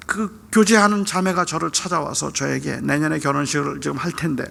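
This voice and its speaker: Middle-aged male pastor, very gravelly and forceful, storytelling sermon that jumps from shouting to whispers. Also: fairly high pitch. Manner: personal storytelling, swinging from loud outbursts to hushed whispers. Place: church sanctuary at a dawn service.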